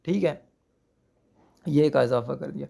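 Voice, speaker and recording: A language teacher patiently explains Persian grammar, repeating each word and checking understanding with rhetorical questions. His voice is medium-pitched, creaky and mellow.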